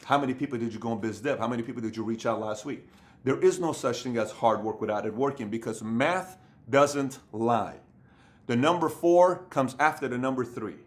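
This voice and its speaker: A business coach in his thirties, with a brisk mid-range voice, gives an emphatic, repetitive motivational business talk to camera. He sits in a room lined with bookshelves and acts out other people's voices as he goes.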